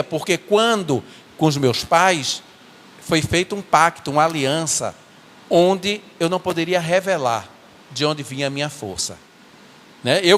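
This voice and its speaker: A man's voice: on the high side, fairly bright tone. A man as a remorseful biblical strongman. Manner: earnest, halting storytelling with repeated words. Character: biblical strongman, remorseful, telling his own fall. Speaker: church performer. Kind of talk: first-person dramatic monologue in church. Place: church sanctuary. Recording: echoey church hall.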